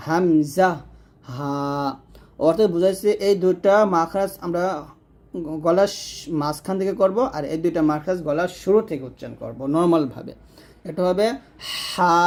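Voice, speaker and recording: A man teaching Quran letter pronunciation in a slow step-by-step lesson, repeating each sound for the listener to copy. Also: a little high, dark tone.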